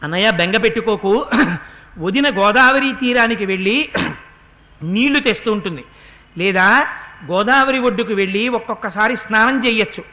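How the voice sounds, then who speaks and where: A man's voice: high-pitched, normal speed, long pauses, pushed and bright. A man voicing a loyal younger brother who reassures his grieving elder brother. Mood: reassuring.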